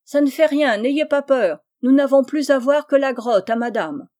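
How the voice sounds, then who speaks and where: A woman's voice: medium pitch, little pitch movement, moderate pace, mellow, natural voice. A woman reading aloud, voicing a timid young man who courts a married woman. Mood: reassuring. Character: timid young male suitor.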